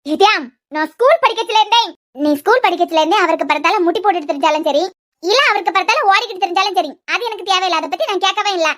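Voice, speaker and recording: A woman's voice: very high voice, very fast, fairly bright tone. A woman voicing quarrelsome young women in a family feud for a cartoon serial, with a Kanyakumari Tamil accent and a heated, reproachful way of arguing. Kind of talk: cartoon dialogue acting.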